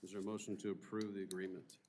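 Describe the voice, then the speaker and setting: A man serving as mayor, chairing a city council meeting, reading motions and legal sections aloud in a brisk, formal way. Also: low-pitched, flat delivery, warm tone, slight background noise. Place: council chamber.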